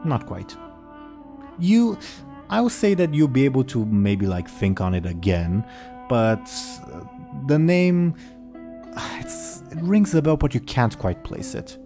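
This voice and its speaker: A man's voice: mid-range voice, big pitch swings, slow pace, dark tone, soft background music. A man running a tabletop game as game master, narrating casually.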